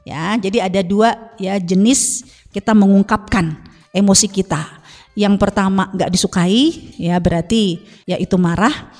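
A middle-aged woman religious teacher giving an Islamic family talk on the radio, expressive and animated in her asides. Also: medium pitch, unhurried, in a large hall. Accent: Indonesian.

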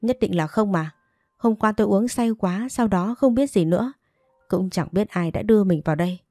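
A woman's voice: mid-range voice, normal speed, dark tone, dry recording, studio quality, soft background music, close to an everyday voice. A woman voicing a young male interpreter who protests his innocence with indignation. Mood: desperate protesting.

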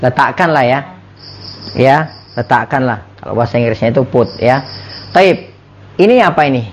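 A man's voice: medium pitch, lively intonation, normal speed, a little hiss or hum. A man with an Indonesian accent teaching an Arabic lesson, repeating words and quizzing his students. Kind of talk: classroom lesson.

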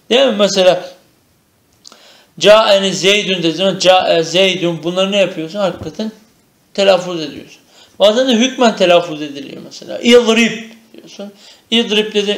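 High-voiced male grammar teacher, echoey room. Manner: asks questions and answers them himself. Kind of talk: traditional madrasa-style grammar lecture.

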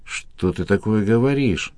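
A man's voice: fairly low pitch, lively intonation, unhurried, darkish tone, no room sound, studio quality. A man reading an audiobook, voicing a distraught middle-aged mother pleading for help. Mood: shocked.

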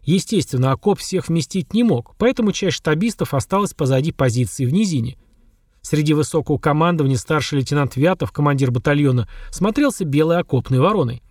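Man narrating an audiobook, fairly high voice. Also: expressive, a little fast, darkish tone, no room sound, studio quality. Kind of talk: scripted narration.

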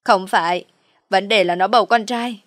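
A woman's voice: medium pitch, fairly even intonation, fast talker, fairly bright tone, dry recording, clean studio sound, natural voice. A woman voicing a jealous older first wife who whines and weeps like a child. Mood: whining. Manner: tearful, whining complaints.

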